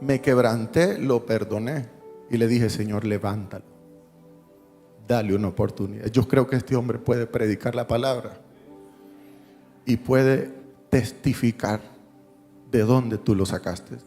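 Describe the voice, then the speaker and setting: A man's voice: mid-range voice, steady tone, takes it slowly, long pauses. Man preaching in an echoing church. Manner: storytelling with jokes, dropping to a hushed tone for emotional parts. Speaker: pastor. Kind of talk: sermon. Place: church sanctuary. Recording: long hall reverb, faint music behind.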